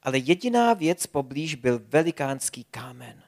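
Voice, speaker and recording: Lively children's storyteller. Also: mid-range voice, vocal fry. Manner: lively, expressive.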